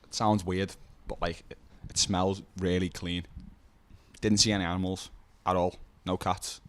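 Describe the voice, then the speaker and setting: Young scouse lad from a band cracking dry jokes, lowish voice. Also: male voice, level tone, moderate pace, slight background noise. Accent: Liverpool. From Liverpool. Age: young adult. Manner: joking, dry one-liners. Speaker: band member. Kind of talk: casual interview chat.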